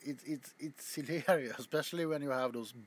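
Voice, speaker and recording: A man who makes ASMR videos on YouTube chats casually with his viewers, rambling with frequent stammers, restarts and casual swearing. His voice is on the high side and fairly quick.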